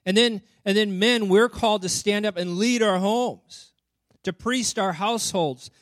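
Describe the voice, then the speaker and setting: Guy preaching a sermon, kinda high voice, earnest, gets emphatic, dry close mic. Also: measured pace, no room sound. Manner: earnest, rising to emphatic exhortation with repeated words.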